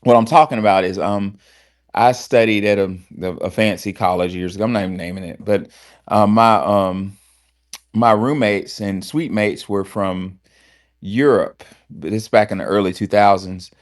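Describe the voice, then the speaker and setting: A man from Alabama, hosting a casual talk show in a blunt, animated manner. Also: on the low side, normal speed. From Alabama, USA. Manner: animated and blunt, with frequent restarts and swearing. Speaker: host.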